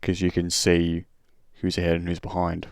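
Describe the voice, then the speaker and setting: A man's voice: low-pitched, monotone, moderate pace, no room sound, clean studio sound. A man hosting a racing stream, chatting casually and short on sleep, rambling with restarts and swearing. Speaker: streamer and race host. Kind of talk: casual chat over a race replay.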